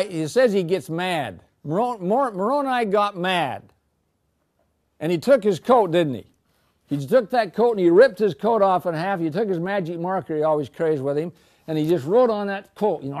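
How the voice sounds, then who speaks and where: Leading a scripture class, an older man with a fairly high voice fires questions at the students. As his excitement builds, he starts repeating words.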